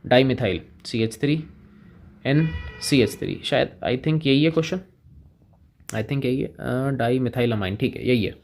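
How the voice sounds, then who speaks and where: A man's voice: medium pitch, a little slow, darkish tone, a little hiss or hum. A man teaching chemistry in a casual lecture, chatting with students and playing both sides of the conversation.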